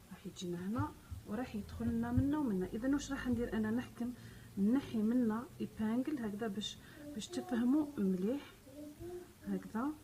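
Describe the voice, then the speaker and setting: A woman's voice: on the high side, rough recording. Chatty Algerian woman explaining sewing. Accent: Algerian Arabic. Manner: chatty, repeats herself, addresses viewers directly. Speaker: sewing tutorial host. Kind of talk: casual step-by-step craft demonstration.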